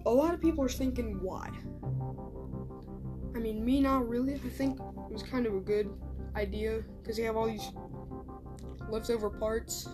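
A woman's voice: a little high, steady tone, moderate pace, music in the background. A woman talking casually and self-deprecatingly in a rambling solo podcast, recorded in a small home bathroom. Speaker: podcast host.

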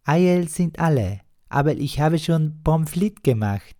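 A man voicing a young male snack-bar owner who speaks in a very high, loud voice and mangles his words. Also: expressive, takes it slowly. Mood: eager. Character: young male snack-bar cook, fashionable, garbled talker.

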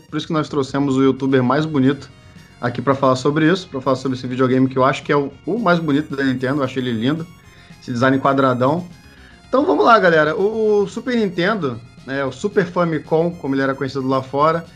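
A man with a Brazilian Portuguese accent co-hosting a casual podcast in an informal, teasing way. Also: on the high side. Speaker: podcast co-host.

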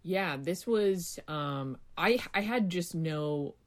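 A woman's voice: fairly low pitch, lively intonation, slow. A woman co-hosting a casual podcast chat, wry and hesitant, giving frank opinions. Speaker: podcast co-host.

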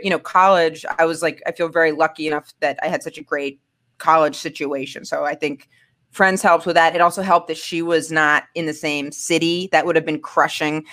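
A young woman from Maine, a guest in a casual podcast conversation, who tells her stories animatedly and acts out what people said. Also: fairly low pitch. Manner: animated storytelling, acting out quotes.

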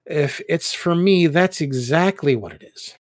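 A man's voice: fairly high pitch, animated, measured pace, no echo, studio quality. A man voicing a shy, awkward young male student who stammers and hesitates. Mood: awkward, hesitant.

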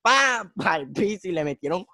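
A young man, telling a street story on a casual podcast in slangy, animated talk. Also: on the high side, a little fast, no echo, clean studio sound. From Colombia. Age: young adult. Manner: slangy, animated, acts out voices in his stories. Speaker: podcast host.

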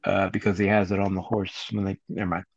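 Man, low voice, dull dry lo-fi audio, loose rambling podcast chat. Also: level tone, fast talker, gravelly. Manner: casual, rambling, swears freely. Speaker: podcast co-host. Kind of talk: unscripted book discussion.

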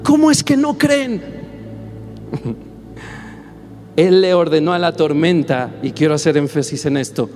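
High-voiced pastor preaching passionately. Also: male voice, lively intonation, measured pace, long pauses. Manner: impassioned preaching that swells into shouts. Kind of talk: sermon. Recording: long hall reverb, faint music behind.

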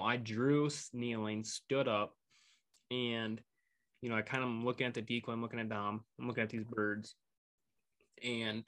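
A man's voice: mid-range voice, gravelly, fairly bright tone. A man co-hosting a podcast, telling a hunting story in a loose, rambling way with lots of fillers and restarts. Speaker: podcast co-host recounting his hunt. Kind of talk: casual storytelling.

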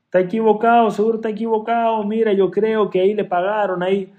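Guy doing a snide gossipy coworker, pitched up high and accusing. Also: flat delivery, quick pace, phone-quality sound, close to an everyday voice. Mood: scornful. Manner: scornful, accusing. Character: indignant gossiping male coworker.

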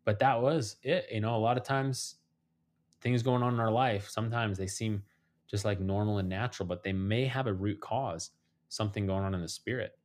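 Guy with a low voice telling wild spooky stories on a podcast, really animated, does the voices. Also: normal speed. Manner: animated storyteller, acts out quoted voices. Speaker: guest. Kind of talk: storytelling in a podcast conversation.

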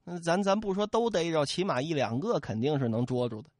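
A man retelling a classical novel as a storyteller, lively and playful, with chatty asides. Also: fairly high pitch, fairly quick, dry recording, studio quality.

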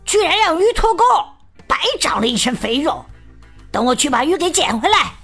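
A woman voicing a loud, bossy chick in a storybook, shrill and scolding. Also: big pitch swings, moderate pace, gravelly, breathy edge, faint music behind, exaggerated voice.

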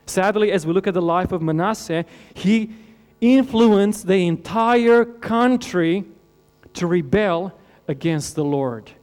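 A man from Romania preaching a sermon, asking earnest rhetorical questions and letting his voice fall low and soft at the end of phrases. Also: slow pace. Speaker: pastor. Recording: long hall reverb with mains hum.

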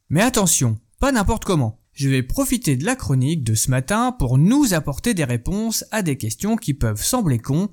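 A man's voice: fairly high pitch, darkish tone. A man in his thirties hosting a casual comic chronicle, joking in asides to his baby son. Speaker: podcast host.

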